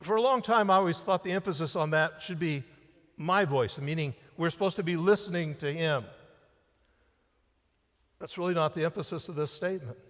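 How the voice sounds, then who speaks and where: A middle-aged male senior pastor preaching a conversational sermon in a church sanctuary, picked up by the church sound system, his voice rising and then falling to a hush for emphasis. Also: a little high, fairly quick. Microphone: church sound system mic. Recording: live-stream with long church reverb.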